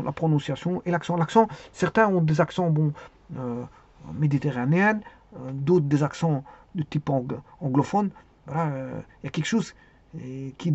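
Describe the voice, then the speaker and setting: A man giving a spoken lesson on speaking skills, hesitant, with many pauses and repeated words. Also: a little high, a little mellow, breathy edge, no echo. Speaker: teacher. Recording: dull lo-fi sound.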